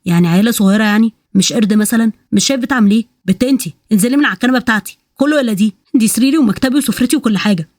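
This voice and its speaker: A woman's voice: a little high, rapid-fire, hardly any pauses, darkish tone, dry recording, clean studio sound, close to an everyday voice. A woman doing a grumpy sarcastic thief. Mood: fed up. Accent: Egyptian Arabic. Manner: sarcastic, complaining.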